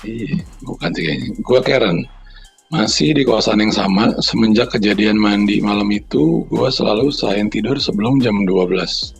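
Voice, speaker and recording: With soft music in the background, this man talks at a normal pace in a lowish, husky, gravelly voice. Co-hosting a podcast, he jokes around in slang before reading out a listener's horror story in a steady way, making the story's sounds himself.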